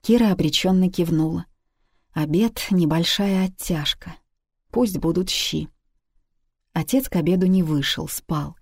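A woman narrating a story as an audiobook reading, steady and even. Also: on the low side, a little slow, husky, no echo, studio quality.

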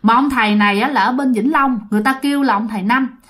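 A woman's voice: on the high side, quick pace. A woman with a Southern Vietnamese accent telling a ghost story, speaking straight to her listeners. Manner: lively, addresses listeners directly.

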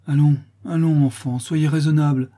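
A man reading an audiobook voices a kind, motherly woman who soothes and gently scolds, in a warm, husky voice. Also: on the high side, fairly even intonation, moderate pace, pitched above the performer's own voice, natural voice. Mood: soothing.

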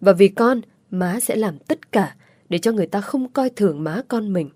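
A woman's voice: medium pitch, animated, normal speed, mellow, no echo, lightly acted. A woman voicing a heartbroken young mother who soothes her son, with moments of sharpness. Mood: tender. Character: heartbroken young mother, tender but strained.

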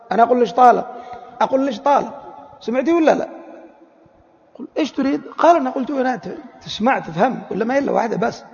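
A man leads a classroom lesson, firing rhetorical questions at his students and acting out little exchanges. His voice is very high and gravelly. The recording is dull and lo-fi, with a long echo from a hall. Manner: acts out quoted dialogues. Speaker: Islamic jurisprudence teacher. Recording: echoey hall, dull lo-fi audio.

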